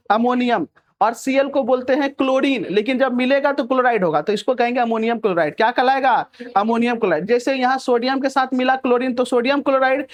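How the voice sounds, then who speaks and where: A young male teacher teaching chemistry. He asks a question, answers it himself, repeats the key words and keeps checking that the students understand. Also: very high-pitched. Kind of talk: chemistry lesson.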